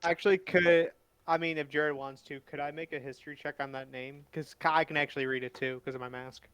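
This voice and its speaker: A man's voice: on the high side, steady tone, fairly quick, a bit bright, smooth, no room sound. Dry-sounding joking man at a game table. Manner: joking, rambling. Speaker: player. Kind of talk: casual chat.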